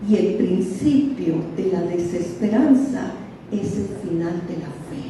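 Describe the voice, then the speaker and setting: A woman's voice: lowish voice, animated, unhurried, background noise. Impassioned woman preaching in an echoey hall. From Guatemala. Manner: impassioned, storytelling with rhetorical questions. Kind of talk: sermon. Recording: echoey hall, distant dull mic.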